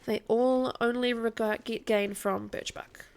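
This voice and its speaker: A woman's voice: a little high, fairly even intonation, a little slow, creaky. A woman with a mild New Zealand accent, chatting casually and jokily as she streams a game live. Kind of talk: casual livestream chat over gameplay.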